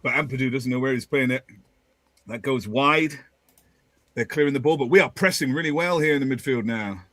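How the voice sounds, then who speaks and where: A man's voice: mid-range voice, a little fast, fairly bright tone, dry recording. A man co-hosting a football watchalong, calling the play live with jokey asides. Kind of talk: excited live match commentary.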